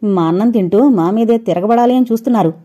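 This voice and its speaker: A woman's voice: mid-range voice, lightly acted. Woman doing a furious taunting young wife. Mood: furious scornful. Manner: taunting, shouting fast tirades. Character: angry scornful young wife, sharp-tongued. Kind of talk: audio novel reading.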